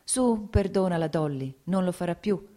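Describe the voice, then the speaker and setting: A woman's voice: fairly low pitch, expressive, moderate pace, mellow, pitched above the performer's own voice, natural voice. A woman voicing a jealous, impulsive young landowner, reading him curt and agitated, only a little apart from her narrating voice.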